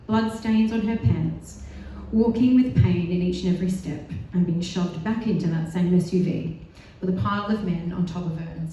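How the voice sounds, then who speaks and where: A woman from Australia, medium-pitched and mellow, speaks as a panelist at a live event, earnest and determined in her prepared remarks while slipping in light jokes at her own expense. The recording, made far away in a very echoey large synagogue hall, carries slight background noise.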